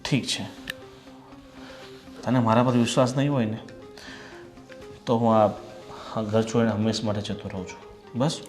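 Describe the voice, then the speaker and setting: Man playing a smooth-talking deceitful husband. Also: lowish voice, level tone, moderate pace, pauses often, darkish tone, soft background music, lightly acted. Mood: insistent. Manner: persuasive, coaxing. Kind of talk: family film drama.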